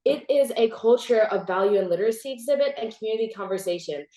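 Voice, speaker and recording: A teenage girl hosting a casual interview, telling stories in an animated way and laughing often. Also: fairly high pitch, fast talker, echoey room. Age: teens. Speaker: host. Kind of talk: casual chat.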